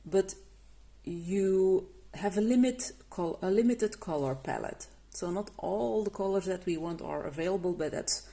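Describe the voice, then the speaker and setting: Here a woman who hosts a coloring channel chats through a review of art markers in English, which isn't her first language. Her mid-range voice is warm and unhurried. Hesitation marks her delivery, with many fillers and frequent restarts.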